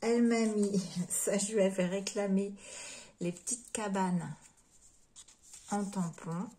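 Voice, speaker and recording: A woman craft vlogger chatting casually as she shows things off, gushing with repeated praise and often dropping to soft whispers. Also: mid-range voice, steady tone, takes it slowly. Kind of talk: casual show-and-tell chat.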